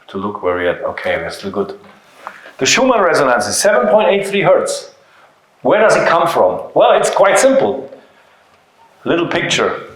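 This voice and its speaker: At medium pitch, a German-accented man who speaks German natively teaches a seminar audience informally, leaning on rhetorical questions and brief, emphatic lines. He presents as a company founder, and the indoor seminar room gives the recording heavy reverb and echo.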